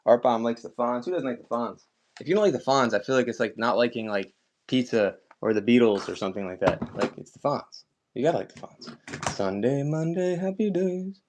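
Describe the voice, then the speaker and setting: Against a noisy background, a man with a mid-range voice talks fairly quickly as he runs a live collectibles auction stream. He keeps the chat casual and upbeat with viewers while selling items.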